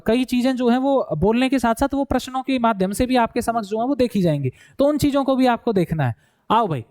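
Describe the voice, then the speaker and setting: A man coaching students for a Hindi exam, calling them "bhai" and slowly repeating words to show how they are pronounced. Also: very high-pitched, darkish tone, no room sound, studio quality. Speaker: exam prep teacher. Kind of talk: explaining Hindi grammar for an exam.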